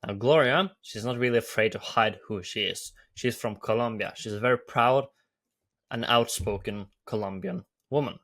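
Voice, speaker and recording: A man with a Norwegian accent hosts a video, explaining lessons in an eager, upbeat way. His voice is mid-pitched and plain, and he leans on repeated phrases for emphasis. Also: normal speed, a bit bright. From Norway. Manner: enthusiastic, repetitive phrasing. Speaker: YouTube host. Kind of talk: commentary.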